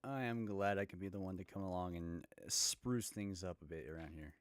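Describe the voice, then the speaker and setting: A man's voice: low-pitched, normal speed. A man playing a game with a friend, playful and teasing in casual chat. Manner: playful, teasing, joking asides. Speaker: co-player.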